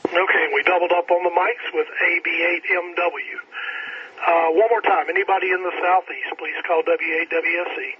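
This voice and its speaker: A man's voice: high voice, little pitch movement, moderate pace, a crowd in the background. A man running an amateur radio net as net control, calling for and acknowledging stations over a radio transmission with static. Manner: methodical, procedural call-and-acknowledge delivery. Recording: muffled lo-fi radio with clear static.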